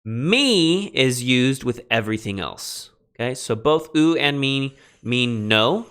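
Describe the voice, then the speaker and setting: A man lecturing on biblical Greek grammar in a recorded class. He talks in an animated, emphatic way and breaks off for quick asides to his students. His voice sits at an ordinary middle pitch for a man. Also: clear, resonant tone. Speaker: Greek instructor.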